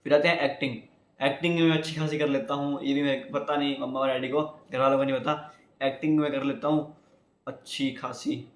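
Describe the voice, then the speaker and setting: This is casual vlog talk from a young adult YouTuber from India, a rambling, chatty speaker who keeps addressing his viewers as "guys". He talks fairly quickly in a flat, medium-pitched voice, and the recording sounds roomy.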